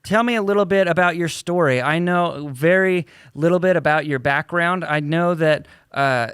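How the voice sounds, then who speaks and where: A man hosting a casual podcast chat, with a clear, smooth voice that sits a bit high for a man. He talks in an animated way and laughs often, recorded close and dry. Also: normal speed, dry recording. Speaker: podcast co-host.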